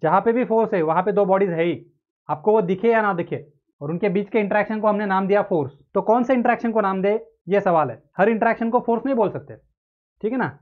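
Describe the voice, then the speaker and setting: A high-pitched man lectures on engineering, posing questions to the class and answering them himself. His everyday examples come through a thin, narrow-band recording that sounds like a phone line. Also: quick pace. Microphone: close mic. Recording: tinny narrow-band audio.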